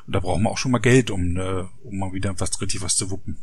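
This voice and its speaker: Husky-voiced male podcast host. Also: sits low, fast, no room sound. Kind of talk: casual podcast interview.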